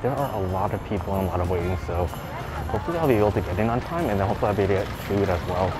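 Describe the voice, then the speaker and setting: A man's voice: sits low, rapid-fire, rough recording. A young man chatting casually through a face mask, explaining what he sees at a crowded outdoor market. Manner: relaxed, chatty, explains as he goes. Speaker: food vlogger. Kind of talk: casual vlog narration. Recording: music over outdoor camera audio.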